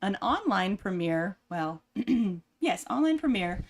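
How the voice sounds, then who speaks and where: A woman's voice: medium pitch, very animated, takes it slowly. A woman with a Southern American accent, a player on a game podcast, making casual announcements with many fillers. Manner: chatty, hesitant with fillers. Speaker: player and choir singer.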